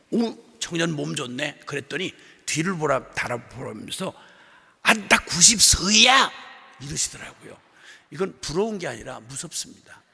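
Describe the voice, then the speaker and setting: Raspy, high-pitched man preaching with animated humor. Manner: humorous storytelling with sudden loud outbursts. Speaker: missionary preacher. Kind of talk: sermon. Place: large revival assembly hall. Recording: long reverb of a big hall.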